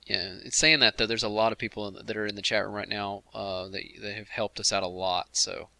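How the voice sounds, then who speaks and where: A man hosting a casual game commentary livestream, chatty and quick to laugh as he talks to the chat room. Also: on the low side, flat delivery, creaky, pushed and bright, no room sound. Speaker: host of a game commentary stream.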